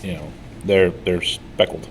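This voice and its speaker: A man's voice: sits low, fairly even intonation, measured pace, a little hiss or hum, low-quality recording. A man co-hosting a casual miniature-painting tutorial, rambling and telling stories with plenty of fillers. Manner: rambling, storytelling, frequent fillers.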